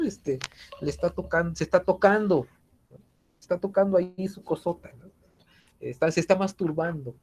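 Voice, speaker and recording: A man's voice: on the high side, darkish tone. A man teaching an informal philosophy class, chatty, tagging questions onto his sentences and acting out anecdotes. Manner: conversational, frequent tag questions and fillers, acts out anecdotes.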